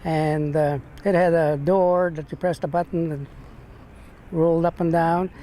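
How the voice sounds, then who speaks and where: An older American man, a veteran, remembering his service in an interview, speaking haltingly with long hesitations and repeated words. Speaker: navy ship veteran being interviewed. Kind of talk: reminiscing in an interview. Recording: noisy, with steady background rumble.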